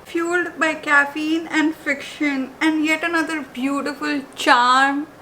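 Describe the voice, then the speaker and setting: A woman's voice: high voice, steady tone, slow, bright, forceful tone, slight background noise. A woman, gushing and emotional as she unboxes gifts in a casual vlog. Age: 20s. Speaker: book vlogger.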